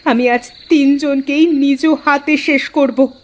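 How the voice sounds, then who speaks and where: An actress voicing a grieving young widow in a cartoon, bitter, determined and intense. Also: female voice, sits high, steady tone, slow pace, a little mellow. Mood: vengeful. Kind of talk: cartoon voice acting.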